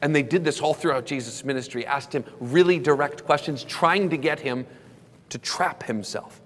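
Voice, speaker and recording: A male pastor delivers a sermon with a steady, measured cadence, slowing down to stress key words. His voice carries a long reverb from a large hall. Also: a little high. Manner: measured preaching, slows for emphasis, dramatizes quoted questions.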